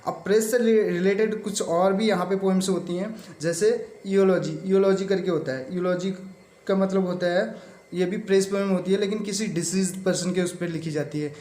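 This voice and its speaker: High-voiced Indian man teaching in an echoey room. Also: fairly even intonation, a little mellow. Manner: explains step by step, asking and answering his own questions; reads English quiz items slowly, mixing English terms into Hindi. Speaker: English literature teacher. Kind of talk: exam-prep lecture.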